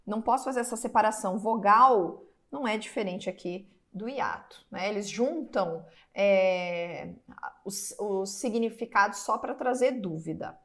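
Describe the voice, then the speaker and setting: A woman's voice: mid-range voice, unhurried, fairly bright tone. A woman teacher with a Brazilian accent giving an online exam-prep lesson. She explains step by step, stretches out example words and checks in often with her students. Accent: Brazilian Portuguese. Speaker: Portuguese teacher.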